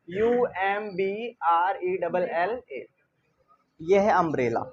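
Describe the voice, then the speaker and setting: A male teacher giving a grammar lesson, constantly asking rhetorical questions and repeating the key words, with a playful, chiding manner. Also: very high-pitched. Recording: dull lo-fi recording.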